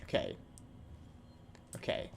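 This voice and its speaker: A young man hosting a let's play takes it slowly while commenting on his video game, with slight background noise present. He's casual and rambling in a chatty way, regularly breaking off his own sentences.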